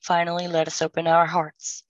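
Woman, meditation guide, soothing, slow, monotone delivery. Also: lowish voice, dry recording, muffled recording. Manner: slow, soothing, calm instructions with pauses.

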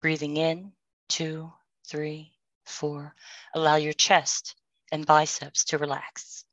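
Woman, meditation guide, soothing, slow, monotone delivery. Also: sits low, no echo, muffled recording. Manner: slow, soothing, calm instructions with pauses.

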